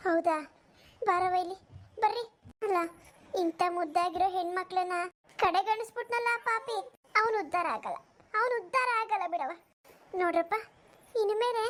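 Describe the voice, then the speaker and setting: A woman's voice: very high voice, normal speed, pauses often. A woman voicing a kindly, lonely old village grandmother in a cartoon, talking in a rustic, motherly, consoling way. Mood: tender. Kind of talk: cartoon voice acting.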